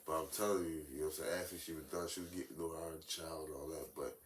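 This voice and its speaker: A man's voice: a bass voice, fairly even intonation, fast, distant mic. A man telling a couple's birth story in casual, rambling chat, often repeating "you know what I'm saying". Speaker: co-host of a couple's channel. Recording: roomy and off-mic with faint noise.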